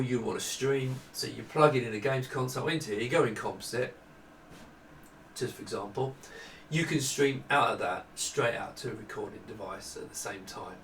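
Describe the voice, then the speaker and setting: Demonstrating hardware prototypes at a desk in a small workroom, this middle-aged presenter speaks off the cuff, explaining as he goes and frequently reworking his phrasing. His voice is medium-pitched and slightly bright. The recording picks up room echo and faint noise from a far-off mic.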